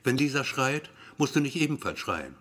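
A man voicing Lisa, an unsettling woman who murmurs in a low, soft, soothing way. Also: big pitch swings, normal speed.

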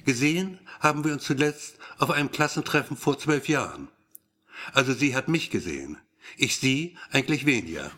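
A man reading a sharp-tongued, impatient woman journalist in an audiobook, speaking in a curt, sarcastic way. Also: medium pitch, lively intonation, normal speed.

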